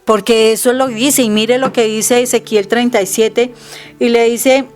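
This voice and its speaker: Middle-aged Colombian woman, higher voice, earnest co-host teaching, faint music bed. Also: fairly even intonation, normal speed, a little mellow. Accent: Colombian Spanish. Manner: earnest, emphatic, quotes scripture aloud. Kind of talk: conversational religious teaching.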